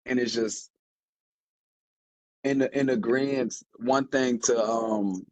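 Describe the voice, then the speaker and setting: A man's voice: mid-range voice, fairly even intonation, slow, darkish tone, no room sound. A young man, telling a heartfelt personal story in a rambling, casual way full of fillers. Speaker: podcast co-host. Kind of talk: casual conversation.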